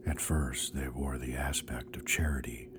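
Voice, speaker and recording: A man playing a sinister old horror actor who tells bedtime stories in a slow, creeping, breathy whisper, in a radio play. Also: a bass voice, steady tone, noisy background. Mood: dread. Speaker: horror storyteller. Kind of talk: radio bedtime story narration. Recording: loud music behind.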